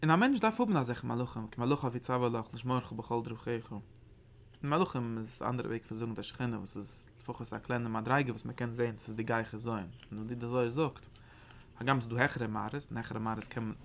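A man giving a study lesson on mystical texts as a Torah teacher, talking in a halting, searching way and often repeating phrases. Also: medium pitch, slight background noise.

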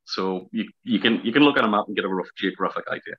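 A man's voice: fairly low pitch, slightly rough. Man with a heavy Northumberland accent. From Northumberland, north-east England. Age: about 50. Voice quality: long drawn-out vowels. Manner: hesitant, word-searching, with repeated starts. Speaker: interview guest, historical fencing teacher. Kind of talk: unscripted interview explanation. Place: small room at home, indoors. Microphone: video call, webcam distance. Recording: slightly dull video-call audio.

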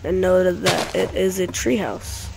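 Over music, a woman with a lowish, creaky voice gives rambling gameplay commentary in a steady tone and measured pace. The gaming YouTuber chats with viewers from home, dogs nearby, on a desk mic next to a clicky keyboard.

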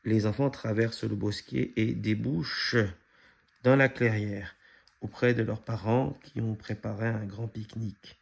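Gravelly low-voiced man reading a storybook. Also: fairly even intonation, unhurried. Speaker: storybook reader. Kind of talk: reading a children's book aloud.

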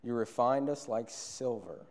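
A man's voice: medium pitch, unhurried, a little mellow. A young man preaching a sermon from a church pulpit into a stand microphone, earnest and repeating key phrases for emphasis. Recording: long church hall reverb.

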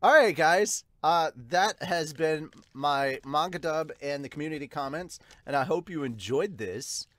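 Fairly high-pitched and a bit bright, a man in his thirties talks unhurriedly with lively intonation and few pauses. As a manga reviewer and host he chats casually and reads viewer comments, recorded close on a large pop-filtered desktop mic in a small home room with bookshelves.

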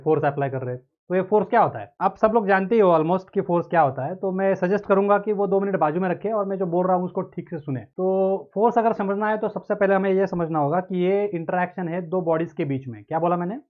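A man giving a classroom lecture on engineering. He explains with everyday examples and asks questions that he answers himself. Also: fairly high pitch. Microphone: close mic. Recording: tinny narrow-band audio.

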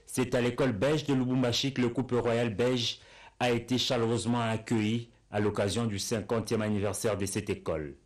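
A man narrates a television news story in a steady, formal reading. His voice sits a little low and stays even throughout. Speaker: news reporter.

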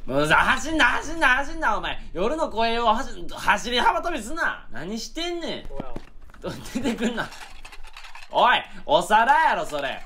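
A young man in his twenties with a Kansai accent, delivering comic voice-over commentary as the straight man. He fires off sharp, exasperated retorts. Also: very high-pitched, sing-song, normal speed, slight background noise. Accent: Kansai Japanese. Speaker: comedian.

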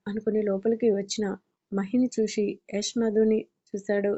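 A woman narrates a romance story in an even, scripted way. Her voice is warm and mellow with very little melody. The recording is slightly dull and lo-fi. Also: mid-range voice, normal speed.

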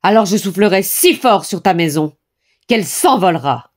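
A woman voicing a hungry, ill-tempered big bad wolf in a children's story, speaking in a low, growling, menacing voice. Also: animated, slow pace, darkish tone, full character voice. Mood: furious.

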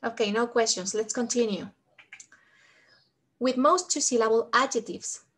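A woman's voice: on the high side, slow pace, slightly rough. A woman teaching English grammar, patiently repeating each example in two languages. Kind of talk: bilingual grammar lesson.

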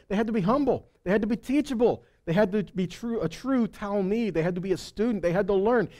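Here a middle-aged man with a high-pitched, dark-toned voice preaches live through a headset mic. He is a preacher and Bible teacher on an indoor stage in a meeting room or hall. His delivery is conversational and emphatic, and he checks in with his listeners.

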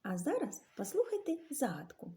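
A woman teacher giving a literacy lesson to young children, sounding out words slowly syllable by syllable. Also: a little high, wildly swooping pitch, mellow.

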